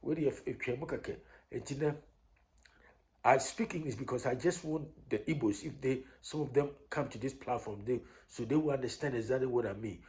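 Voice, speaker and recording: An online commentator with a Ghanaian accent delivers an unscripted, combative opinion rant, repeating himself and halting to restart his phrases. His voice is medium in pitch and a little mellow.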